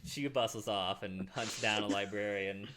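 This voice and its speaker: A man narrating a tabletop role-playing game as game master in a playful, animated way. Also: lowish voice, normal speed, very noisy.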